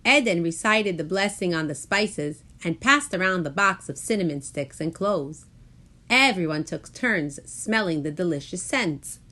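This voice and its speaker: With a fairly low pitch, a woman performs a children's picture book aloud, expressive and unhurried in her storytelling.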